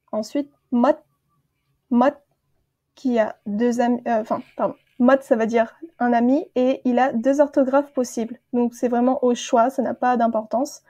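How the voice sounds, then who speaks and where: A woman's voice: on the high side, dark tone. A woman teaching a vocabulary lesson, patiently saying each word twice before explaining it. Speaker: language teacher. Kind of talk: slow vocabulary lesson with repeated words.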